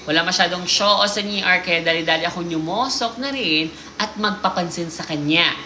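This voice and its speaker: A woman's voice: fairly low pitch, moderate pace, bright, forceful tone, roomy sound, a little hiss or hum. A woman hosting a casual livestream, reading listener stories aloud with playful, teasing asides.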